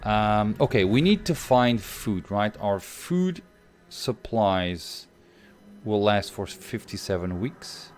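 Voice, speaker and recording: A young Portuguese man streams himself thinking through a strategy game and talking with viewers, his Portuguese accent audible. His lowish voice is slow and sing-song, with slight background noise.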